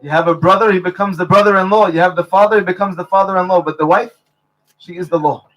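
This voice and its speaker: Man, high voice, wedding officiant, storytelling speech, Hebrew blessings mixed in. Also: steady tone, fast talker, a bit bright, highs cut off. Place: wedding venue under a chuppah.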